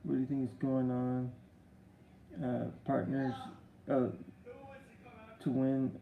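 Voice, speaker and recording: A middle-aged man chats casually on a live stream, his voice gravelly with fry. He tells rambling stories full of restarts and answers viewer comments, and the audio sounds roomy. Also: medium pitch, monotone, slow pace, narrow, tinny audio, slight background noise. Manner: rambling storytelling with many restarts and fillers.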